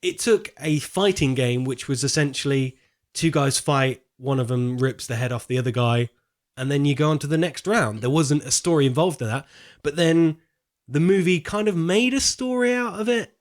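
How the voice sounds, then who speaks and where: This co-host of a film podcast has a voice on the high side and talks at normal speed. The conversation is laid-back, slangy, and informal.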